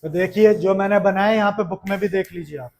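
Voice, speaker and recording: एक पुरुष शिक्षक कक्षा में छात्रों को पढ़ा रहा है, बार-बार सवाल पूछता है और मज़ाक में छेड़ता है।. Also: male voice, high-pitched, quick pace, vocal fry, a little mellow. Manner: chatty, keeps asking questions, teasing. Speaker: teacher. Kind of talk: classroom lesson to students. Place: classroom.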